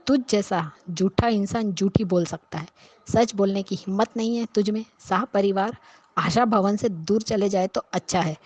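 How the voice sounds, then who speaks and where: A woman's voice: mid-range voice, moderate pace, a little mellow, no room sound, poor audio. A woman recapping a TV serial episode as a viewer, outspoken and scolding the characters as she goes. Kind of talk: casual episode recap and commentary.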